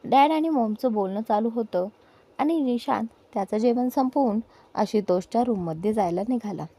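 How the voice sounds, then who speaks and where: A woman storyteller who reads a scripted story in a steady, plain manner and voices every character herself. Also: fairly high pitch, moderate pace, husky.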